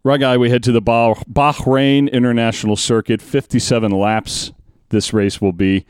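A man co-hosting a casual sports podcast, chatting and reading out race stats quickly. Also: medium pitch, level tone, a little mellow, clean tone, no room sound, studio quality. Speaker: podcast co-host.

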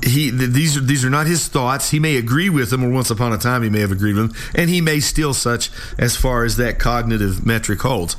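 A man hosts a political talk show alone, in a voice of average pitch. He comments without a script, informally, often halting as he gathers his next phrase. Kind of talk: unscripted solo commentary.

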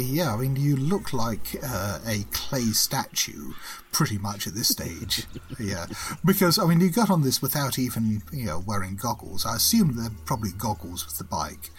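A man's voice: lowish voice, rough recording. A man narrating a tabletop horror game as game master, descriptive and rambling with many fillers.

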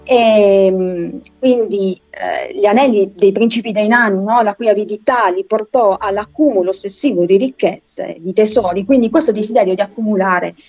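A woman teaching an explanatory lecture, patiently breaking points down step by step and slowing down to read English verses aloud. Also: medium pitch, a little mellow, highs cut off, faint music behind. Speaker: literature and phonetics teacher.

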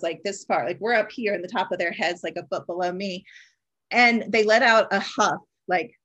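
Woman guest, mid pitch, casual and awestruck, filler-heavy. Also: fairly bright tone. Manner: breathless, awed storytelling with many "like"s. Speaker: podcast guest, energy healer. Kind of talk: casual interview chat.

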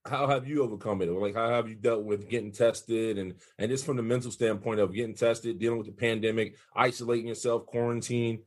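A man's voice: mid-range voice, steady tone, a little fast, few pauses. A man interviewing an athlete, asking loose, conversational questions with fillers.

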